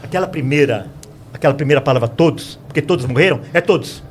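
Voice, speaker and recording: A man's voice: fairly high pitch, fast talker, slight background noise. A Brazilian man, a pastor, pressing his point in a heated theological debate, insistent and often interrupting and repeating himself. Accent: Brazilian Portuguese.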